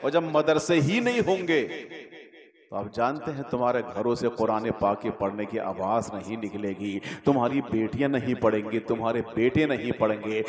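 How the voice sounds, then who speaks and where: A man's voice: medium pitch, long reverb tail. An older man preaching to a gathering in Hindi with a Bhojpuri-region accent, exhorting, repeating phrases and asking the crowd questions. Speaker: Islamic preacher. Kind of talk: religious speech to a gathering. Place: open gathering on a raised stage. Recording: crowd audible at a public gathering.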